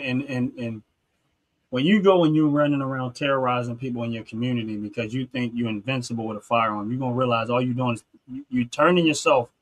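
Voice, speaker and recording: A man from Philadelphia hosting a casual talk show and speaking in an earnest, emphatic, preachy way. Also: mid-range voice. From Philadelphia, USA. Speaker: podcast host.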